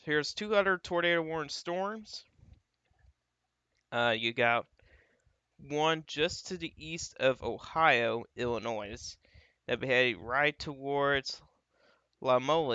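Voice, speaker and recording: A man's voice: medium pitch, takes it slowly, long pauses, pushed and bright, clean tone, no echo, muffled recording. A man hosting a live weather stream, walking through radar images in a casual, thinking-aloud way. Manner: casual, thinking aloud, frequent "uh" and "you got". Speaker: livestream weather host.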